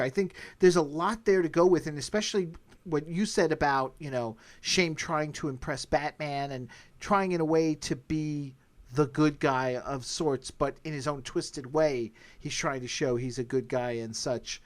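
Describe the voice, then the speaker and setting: This podcast host, a middle-aged man, speaks at a moderate pace with a voice that sits on the high side. He talks in a casual way, animated and prone to rambling.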